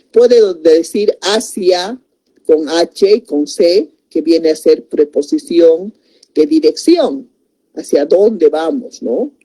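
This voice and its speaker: Woman teacher, unhurried, explanatory, deep mellow timbre. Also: husky. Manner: slow and explanatory, repeats words, many tag questions. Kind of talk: spelling lesson.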